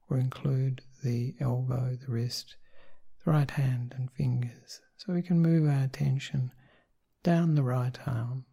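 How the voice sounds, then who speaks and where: A man guides a meditation very slowly and gently. His voice is soft and dark, with a gravelly, breathy grain. He gives short soothing instructions and lets each one settle before the next. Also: medium pitch. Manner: gentle, unhurried, pausing between short phrases. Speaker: meditation teacher leading a guided meditation.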